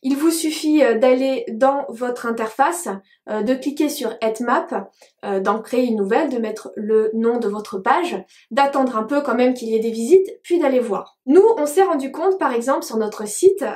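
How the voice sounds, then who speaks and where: A woman's voice: a little high, normal speed, darkish tone, roomy sound. A woman, a digital marketing trainer, explaining a web tool in a chatty tutorial with frequent hesitations.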